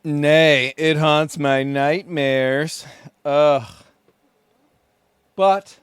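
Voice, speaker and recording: A sleep-deprived man rambles groggily to his recorder, unhurried and meandering. His voice is smooth and clear. The sound is close and dry. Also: on the high side, steady tone, dry recording. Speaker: podcast host, solo sailor. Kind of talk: casual self-recorded monologue. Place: small sailboat at sea.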